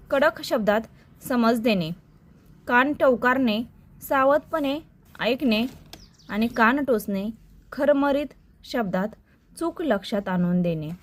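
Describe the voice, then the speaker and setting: In a high voice, a woman teacher slowly reads out a list of idioms and their meanings, almost like dictation, to help with exam preparation.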